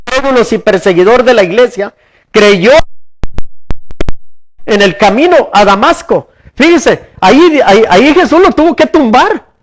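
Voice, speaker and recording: A man's voice: extremely high pitch, animated, unhurried. A male pastor preaching a sermon in a church, asking the congregation questions and repeating words as he goes.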